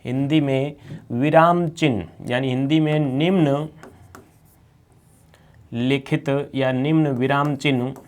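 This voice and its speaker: A man teaching an exam-prep class, dictating phrases slowly while writing on a board and repeating them, then answering his own questions. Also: mid-range voice, steady tone.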